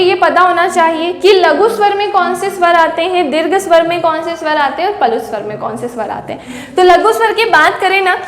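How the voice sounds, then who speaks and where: High-pitched woman teaching in an echoey room. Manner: asks questions and answers them herself. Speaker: Hindi teacher. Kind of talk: classroom-style grammar lesson. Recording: echoey room with long reverb.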